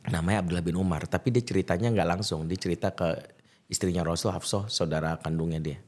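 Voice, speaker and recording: A middle-aged man, a preacher, giving a lively talk on parenting and quoting Arabic verses. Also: quick pace. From Indonesia. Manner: animated, swings to high emphatic pitch, quotes Arabic verses. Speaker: Islamic preacher, podcast guest. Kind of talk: casual religious talk on parenting.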